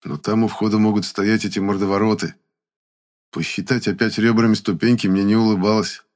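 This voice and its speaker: A man narrating an audiobook in the first person with an even storytelling delivery. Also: on the low side, fairly quick.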